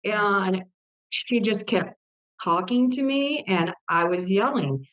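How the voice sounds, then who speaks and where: A woman's voice: medium pitch, animated, slow pace, fairly bright tone. An older woman from Texas shares a personal testimony as an interview guest. She tells it earnestly and with feeling, acting out the voices in her story with vivid quoted dialogue. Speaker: guest author.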